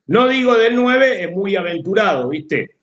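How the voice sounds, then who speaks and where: Male teacher, Rioplatense accent, lecture delivery, animated intonation, echoey room. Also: sits high, unhurried, highs cut off. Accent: Rioplatense Spanish. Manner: explanatory, checks understanding often. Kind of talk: classroom lecture.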